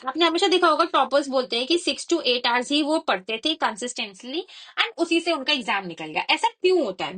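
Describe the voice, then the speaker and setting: A woman's voice: sits high, sharp tone. A young woman coaching exam students through a daily study plan, repeating her key points and checking in with the viewer as she explains.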